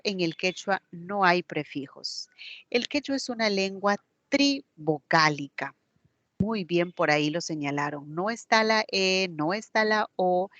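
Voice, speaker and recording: A woman's voice: lowish voice, fairly bright tone, dry recording, lo-fi sound. A woman with a Peruvian Spanish accent teaching a recorded class, patiently explaining step by step with examples. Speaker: language teacher. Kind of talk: recorded online class lecture.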